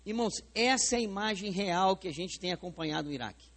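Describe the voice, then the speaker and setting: A pastor with a Brazilian Portuguese accent speaks fast in a high voice while preaching in a church sanctuary. He is animated, staging a live demonstration and addressing questions straight to the congregation.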